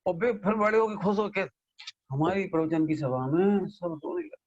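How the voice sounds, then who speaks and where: A man gives a lively scripture discourse, scolding and questioning his listeners. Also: high-pitched, normal speed, muffled recording. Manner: animated, scolding, mimics listeners and asks them questions. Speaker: Jain scholar giving a scripture discourse. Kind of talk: sermon.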